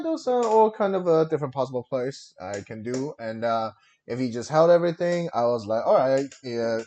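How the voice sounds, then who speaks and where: Over a livestream headset mic, a man with a mid-range, slightly mellow voice casually narrates his own turn in a card game. He's a streamer, and his play-by-play is full of fillers.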